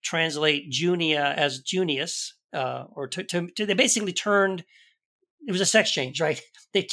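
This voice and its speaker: A man co-hosting a podcast, giving an emphatic, animated rebuttal to a video clip. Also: a little high. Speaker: podcast co-host.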